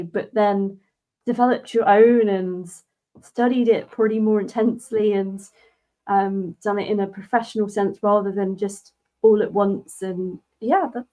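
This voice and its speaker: A woman's voice: mid-range voice, warm tone. A woman hosting an interview, reflecting on and summing up what her guest says. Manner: reflective, sums up the guest's points. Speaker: host.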